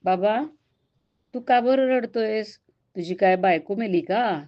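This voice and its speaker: A woman's voice: mid-range voice, animated, a little slow, dull audio, lightly acted. A woman voicing a playful, kind young divine woman who teases and coaxes. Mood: teasing. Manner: teasing, coaxing.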